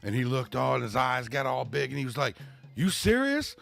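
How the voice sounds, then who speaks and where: A man co-hosting a casual podcast, a rambling storyteller who laughs often and shouts out the lines he quotes. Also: mid-range voice, steady tone, quick pace, creaky, soft background music. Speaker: podcast co-host. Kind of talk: casual chat.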